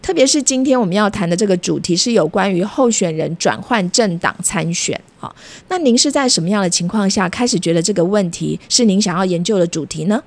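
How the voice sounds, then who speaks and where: A woman's voice: medium pitch, lively intonation, a little fast, dry recording. A woman with a Taiwanese Mandarin accent hosting an interview in a polite, explanatory way. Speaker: podcast host.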